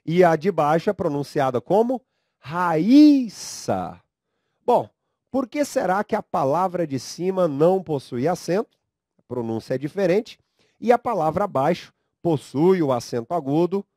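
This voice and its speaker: A Brazilian man lectures on grammar in a measured, unhurried way, stretching out syllables for emphasis. His fairly high voice swings widely in pitch as he coaxes students along. The recording is dry and close, with no room sound. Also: dark tone, dry recording. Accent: Brazilian Portuguese. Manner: slow, emphatic, drawn-out syllables; addresses students directly, coaxing them to read aloud. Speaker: teacher.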